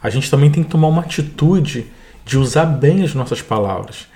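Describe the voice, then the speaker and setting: Mellow-voiced Brazilian man on faith. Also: on the high side, a little fast. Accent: Brazilian Portuguese. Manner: calm, explanatory, adds to his co-host. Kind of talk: devotional teaching talk.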